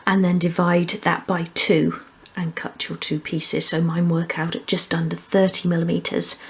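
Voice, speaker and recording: In a methodical, step-by-step craft tutorial, a woman walks through each hands-on stage. Her voice sits on the low side with a breathy edge.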